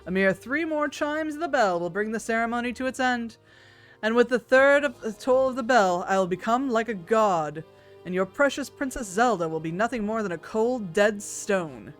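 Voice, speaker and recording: A woman's voice: a little high, lively intonation, normal speed, close to an everyday voice. A gloating, power-hungry villain from a video game, read out by a woman. He declaims his threats in a theatrical, taunting way, with music behind him. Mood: gloating, menacing. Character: gloating male villain craving godlike power.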